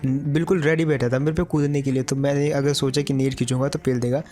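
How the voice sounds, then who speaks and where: A man's voice: mid-range voice, little pitch movement, fast, mellow. A man giving casual commentary over a mobile game match, chatty and addressing his viewers as brother.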